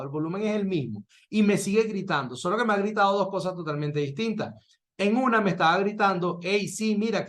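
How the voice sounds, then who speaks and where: Male trading instructor, higher-pitched voice, walks through charts step by step and keeps asking "¿sí?" to check in. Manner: explains step by step, asks rhetorical questions; checks in with a recurring "¿sí?". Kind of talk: screen-share trading lesson.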